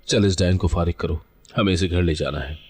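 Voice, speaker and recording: Spiteful old mother-in-law, man reading her, scolding, low husky voice. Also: brisk, a little mellow. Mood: scornful. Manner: taunting, shrill scolding. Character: harsh scheming older mother-in-law.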